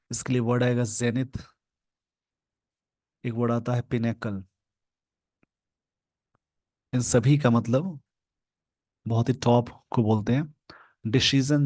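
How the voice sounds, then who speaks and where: A man with an Indian accent teaching English in Hindi, explaining an editorial word by word and slowing down to read the English phrases. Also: medium pitch, darkish tone, dry recording. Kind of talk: Hindi-language English lesson reading an editorial.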